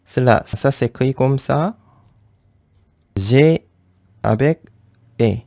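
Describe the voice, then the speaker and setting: Slow, mellow-voiced male language teacher. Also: mid-range voice, dry recording. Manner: slow, halting, repeats each sound several times. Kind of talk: beginner language lesson.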